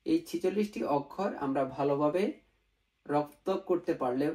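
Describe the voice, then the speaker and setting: A man's voice: on the high side, moderate pace, dark tone, recorded from a distance. A man teaching an online language lesson, patiently going step by step and repeating each sound, with English words mixed into his explanations.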